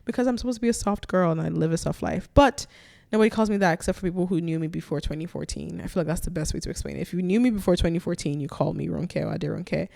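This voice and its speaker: A woman's voice: on the low side, quick pace, gravelly, dark tone. A young woman from Nigeria hosting a solo podcast, chatting casually with playful, self-teasing asides. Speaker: podcast host.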